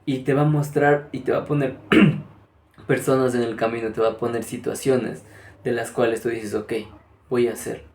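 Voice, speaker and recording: Guy giving a spiritual pep talk, earnest and direct, mid pitch, roomy echo. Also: little pitch movement, normal speed, a little mellow. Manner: earnest, direct, addresses the listener as you. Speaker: spiritual speaker. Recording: echoey room.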